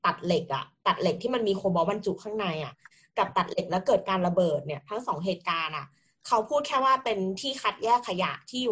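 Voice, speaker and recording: A woman's voice: medium pitch, fairly bright tone, slightly rough. Chatty woman podcast host. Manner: chatty, thinking aloud with fillers. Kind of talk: casual chat.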